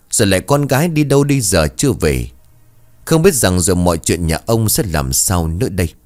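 Brief: male storyteller for a ghost tale, low voice, animated delivery. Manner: expressive storytelling. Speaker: narrator.

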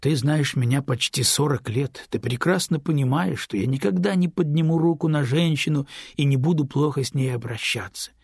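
A man doing a dejected man in an audiobook, talking low and held back to an old friend. The voice is gravelly with vocal fry and very husky, close and dry. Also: darkish tone, no room sound. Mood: subdued. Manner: low, subdued, measured. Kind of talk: audiobook character reading.

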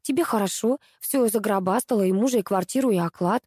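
A woman's voice: mid-range voice, quick pace, darkish tone, breathy edge, no echo, clean studio sound, natural voice. A woman reading aloud, voicing a spiteful, selfish young woman who whines and shrieks. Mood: pushy. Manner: whiny, demanding, shrieking.

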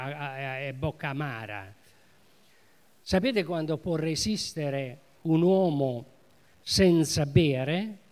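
A man preaching in a church, his voice somewhat high for a man and carried by the long reverb of the hall. He talks very slowly and emphatically, repeating key phrases and asking the congregation questions. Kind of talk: sermon.

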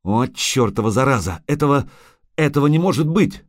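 A man voicing a coarse, loud male mercenary who curses and shouts. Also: mid-range voice, lively intonation, normal speed, no echo, studio quality, pitched above the performer's own voice, natural voice. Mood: stunned. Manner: rough, swearing, shouting.

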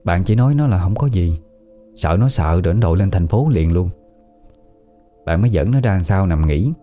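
A man with a Southern Vietnamese accent tells a family ghost story in a plain, conversational way, using southern colloquial words. His voice is mellow and fairly low in pitch.

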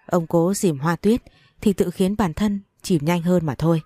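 A woman reads a long story aloud in a steady storytelling manner. Her voice is low and mellow, and the recording is dry and close. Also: a little slow, husky, dry recording. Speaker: narrator. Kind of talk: audiobook story reading.

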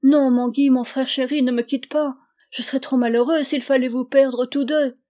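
Une femme qui joue une jeune femme endeuillée et dévouée à ses frères, d'un ton suppliant et ému. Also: female voice, a little high, moderate pace, mellow, close to an everyday voice. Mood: grieving. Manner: pleading, emotional. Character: grieving young woman, devoted sister.

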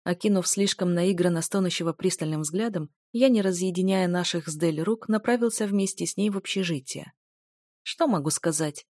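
A woman narrates a first-person fantasy novel in a steady, even storytelling voice. Her voice sits on the low side. The recording is dry and close, with no room sound. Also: moderate pace, no echo. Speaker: audiobook narrator.

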